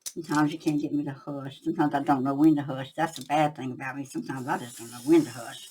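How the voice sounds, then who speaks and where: An older woman, hosting a casual crafting tutorial from her craft shop, chatting to viewers as she works and going quiet while she concentrates. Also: extremely low pitch, steady tone, fast, slight background noise, poor audio. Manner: chatty, talks to viewers while working, trails off when concentrating.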